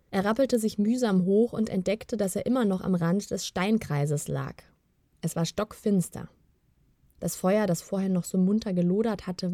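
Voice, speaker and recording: A woman with a lowish voice reading a fantasy tale in a calm, even way. The sound is dry and close, with no room echo. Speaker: audiobook narrator. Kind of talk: scripted storybook narration.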